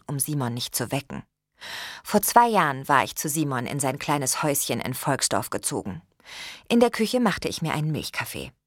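A woman calmly reading a first-person novel as an audiobook narrator. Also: low-pitched, no room sound, clean studio sound.

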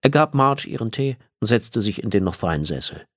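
A man reading an audiobook in measured, expressive scripted narration. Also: on the low side.

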